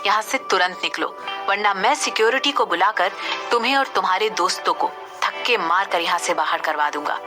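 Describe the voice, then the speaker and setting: An arrogant, rude young man from an audio drama, bossing people around with open contempt, as a woman narrator voices him. The voice sits at a middle pitch. Music plays clearly behind the voice. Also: fairly quick, lightly acted. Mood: contemptuous. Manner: contemptuous, bossy.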